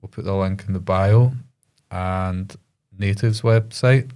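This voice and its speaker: A man hosting a relaxed podcast chat. His voice sits low and mellow, and he puts his questions in an easygoing way. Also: takes it slowly, clear, resonant tone. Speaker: podcast host. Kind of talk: casual chat.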